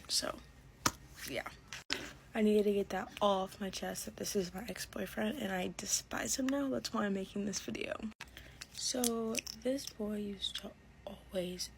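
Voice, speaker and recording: Young woman with a gravelly, hushed voice. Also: mid-range voice, background noise. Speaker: storyteller. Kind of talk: casual storytime chat.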